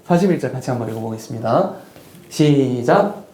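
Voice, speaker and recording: A pastor preaching to a young congregation in a lively, conversational way, asking the room questions and answering them himself. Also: mid-range voice, fairly quick. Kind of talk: sermon to a youth congregation. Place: church hall. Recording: echoey church hall.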